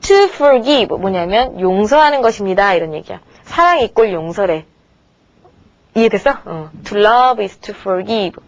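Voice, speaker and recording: An English teacher, a woman with a medium-pitched, expressive voice, gives a slow grammar lecture to middle-school students, chatty and coaxing as she checks in with the class again and again. The audio has no room sound and its highs are cut off.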